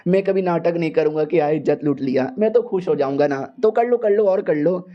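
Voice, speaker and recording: A man's voice: fairly high pitch, a little fast, muffled recording, close to an everyday voice. A man playing a cheeky young male cultivator hero who teases and coaxes cockily. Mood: teasing. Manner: cocky, teasing and coaxing.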